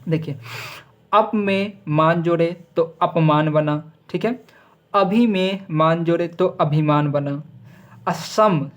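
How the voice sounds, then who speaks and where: A male schoolteacher talks students through a grammar lesson. He slows right down to read each answer aloud, tags lines with quick checks, and drops in English words. When he slips he corrects himself with a quick "sorry". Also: fairly high pitch. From Bihar, India. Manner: reads answers out slowly, with frequent "ठीक है" checks; self-corrects with "sorry" mid-sentence. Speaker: teacher. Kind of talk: recorded class lesson.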